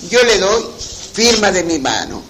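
A man's voice: high voice, sing-song, unhurried, fairly bright tone, a little hiss or hum, full character voice, rough recording. A man voicing a young, courteous enchanted prince.

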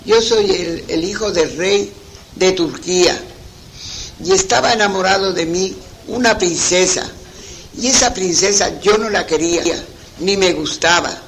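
A man's voice: high voice, measured pace, fairly bright tone, a little hiss or hum, low-quality recording. A man voicing a young, courteous enchanted prince. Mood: gentle.

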